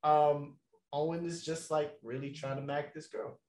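A young man spins a rambling story in a relaxed, slangy way, laughing between lines. His voice sits a little high for a man. The room around him is echoey. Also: measured pace. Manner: laid-back, laughing, slangy, many fillers. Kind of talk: casual storytelling chat.

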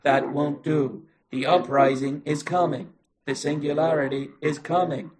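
A man voicing a scheming male AI robot in a low, flat, computer-like delivery. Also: a little slow, a loud crowd, rough recording. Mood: menacing. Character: menacing male AI robot voice plotting an uprising.

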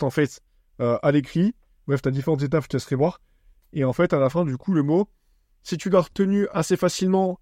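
A young man from France talks straight to the listener in a casual solo podcast, blunt, teasing and full of slang. His voice sits a little high, and the recording is dry and close. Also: a little mellow, no echo. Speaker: podcast host.

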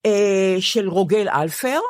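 An older woman co-hosting a podcast, speaking deliberately in casual chat and questioning things indignantly. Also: medium pitch, expressive, dry recording, clean studio sound. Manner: deliberate, reads quotes out slowly and questions them indignantly. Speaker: podcast co-host.

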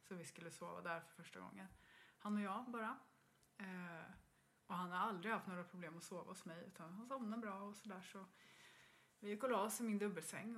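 A woman co-hosting a podcast, telling a ghost story in casual chat and acting out her own reactions. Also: fairly low pitch. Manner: lively storytelling with acted-out reactions. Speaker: podcast co-host.

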